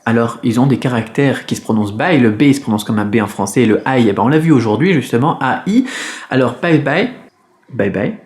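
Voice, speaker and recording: A man teaching a beginners' Mandarin lesson in French, patient and clear, repeating each sound slowly. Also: mid-range voice, expressive, a little mellow. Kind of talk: video lesson.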